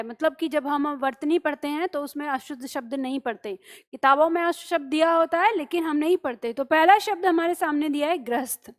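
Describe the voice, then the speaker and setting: A woman teacher explaining word spellings to students, breaking words into parts and often checking with "okay?". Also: sits high. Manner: explains slowly, spells words syllable by syllable, keeps asking "okay?". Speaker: Hindi teacher.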